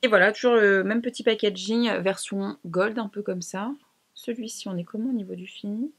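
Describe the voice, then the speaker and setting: A woman's voice: mid-range voice, steady tone, moderate pace, slight background noise. A young woman chatting casually to camera as she tests makeup, slangy and self-mocking. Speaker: beauty vlogger. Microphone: camera mic.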